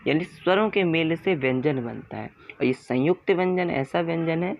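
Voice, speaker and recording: A man teaching Hindi grammar, explaining in a classroom style, asking questions and answering them himself, and repeating sounds slowly. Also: a little high, vocal fry, highs cut off.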